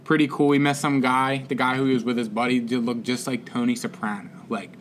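A man's voice: medium pitch, level tone, fairly quick, a little hiss or hum. Rambling, laughing man in casual sports chat. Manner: loose, rambling, laughs often, many fillers. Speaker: podcast co-host.

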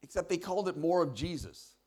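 Storytelling male preacher, high voice. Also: expressive, moderate pace, darkish tone. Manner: storytelling, acts out his wife's lines. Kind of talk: sermon testimony.

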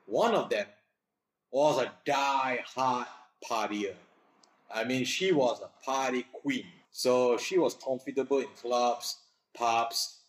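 Young malaysian guy, laid-back storyteller, mid pitch, roomy echo. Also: takes it slowly. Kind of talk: casual chat.

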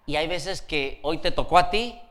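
A man preaching a sermon as pastor. He is lively and playful, laughs as he goes, and calls out to the congregation for responses. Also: on the high side, moderate pace.

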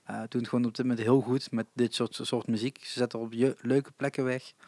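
A man's voice: medium pitch, level tone, brisk, darkish tone, no room sound. A man chatting casually about small concert venues, with frequent hesitations. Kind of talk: casual chat about live music venues.

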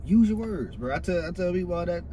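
A man's voice: high-pitched, big pitch swings, fast talker, dark tone. A man co-hosting a podcast in a car, chatting casually and earnestly in slangy, repetitive phrases. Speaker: podcast co-host. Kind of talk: casual chat. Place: inside a car. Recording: clear vehicle and road noise.

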